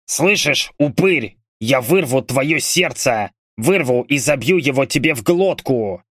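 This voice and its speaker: A man voicing a furious male berserker who shouts threats. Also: mid-range voice, lively intonation, unhurried, no room sound, studio quality, voice pushed up. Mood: raging.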